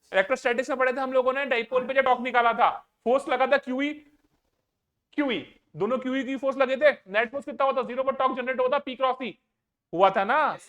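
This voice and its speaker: A man's voice: extremely high pitch, fairly bright tone, dull audio. A man teaching physics to a live class. He asks a question, answers it himself and repeats it, and he coaxes and scolds students to pay attention.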